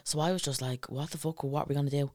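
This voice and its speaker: Fast-talking woman telling a story. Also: deep voice, no echo, studio quality. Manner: animated storyteller acting out quotes, swears freely. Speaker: podcast co-host. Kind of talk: casual storytelling chat.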